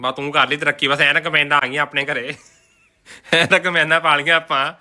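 Young punjabi guy roasting his mates, super bright sharp voice, talks really quick. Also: a little high, level tone. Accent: Indian Punjabi. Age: 20s. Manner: blunt, mocking, repeats himself. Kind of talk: casual teasing banter.

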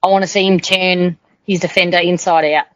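A woman's voice: on the low side, flat delivery, fairly quick, a bit bright, no echo. A woman with an Australian accent co-hosting a casual football podcast, confident and emphatic in her opinions, on a dull, dry lo-fi recording. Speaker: podcast co-host.

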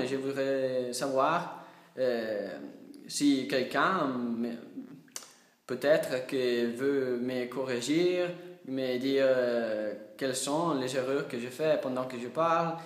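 Slow, halting Italian man speaking broken French. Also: medium pitch. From Italy. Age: young adult. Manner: halting broken French, learner's errors, frequent tag questions. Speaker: language learner making a video. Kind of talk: casual vlog to camera. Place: small indoor office. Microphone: phone at arm's length. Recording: echoey room sound.

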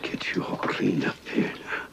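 An actor playing a gentle backwoods man who murmurs soothingly to a hurt cat in a gravelly whisper, heard from a worn VHS tape copy. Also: a little slow, heavy background noise. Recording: dull worn tape dub.

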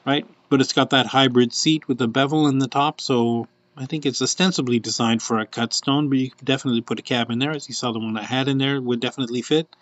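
A man's voice: medium pitch, fairly even intonation, fast, hardly any pauses, no echo. Male host, casual live product showcase, rambling, lots of ums, muffled lo-fi sound, dead dry room. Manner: chatty and rambling, with many fillers.

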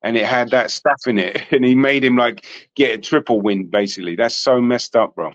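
A man's voice: medium pitch, fairly quick, no room sound. English guy, 30s, guest on a muffled dry video call, chatty, casual boxing talk. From England. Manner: chatty, trailing restarts, says bro and mate. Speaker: guest boxing channel host. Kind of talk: casual chat. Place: small room indoors. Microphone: video call webcam. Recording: dull lo-fi call audio, dry.

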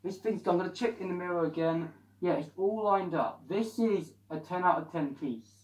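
A man reviewing a helmet while wearing it, so his voice comes through a mask. His voice sits a little on the high side. He chats eagerly and often trips over his words and starts again. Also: normal speed, poor audio. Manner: chatty and excitable, with frequent restarts. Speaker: product reviewer. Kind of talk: casual product review vlog.

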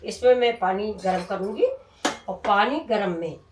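A woman's voice: medium pitch, measured pace. A woman hosting a home cooking demonstration, chatting to viewers and explaining each step. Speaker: cooking channel host. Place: home kitchen with tiled walls. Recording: echoey kitchen with noise.

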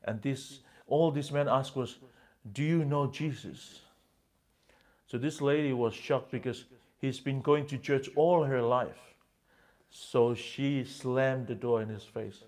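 A man preaching a sermon as pastor, impassioned, with slow, emphatic phrases that swing between loud and hushed. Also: medium pitch, steady tone.

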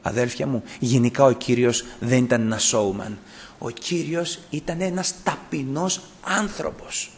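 A man pastor delivering an impassioned sermon, swinging between loud declarations and hushed confession. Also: mid-range voice, a little hiss or hum.

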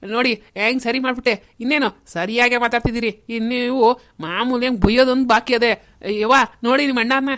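A woman's voice: a little high, fairly even intonation, a little fast, a bit bright, close to an everyday voice. A woman voicing a kindly, humble male village healer in a cartoon, earnest and respectful. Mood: excited. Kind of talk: cartoon voice acting.

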